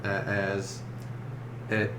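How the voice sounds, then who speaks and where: A man narrating a tabletop role-playing game as game master, halting and searching for his words. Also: fairly low pitch, completely flat delivery. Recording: roomy, echoey, noisy room recording.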